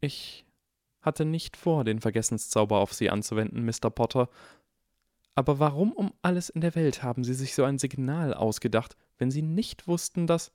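A man's voice: medium pitch, moderate pace, darkish tone, no echo, clean studio sound, pitched above the performer's own voice, close to an everyday voice. A man voicing a strict elderly female professor in a harsh, clipped whisper, reading an audiobook. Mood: outraged.

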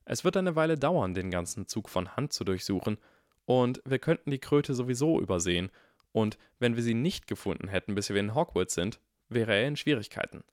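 A man's voice: medium pitch, lively intonation, brisk, no room sound, studio quality, natural voice. A man voicing a clever, cheeky young schoolboy with a wry, theatrical way of talking in a storybook reading.

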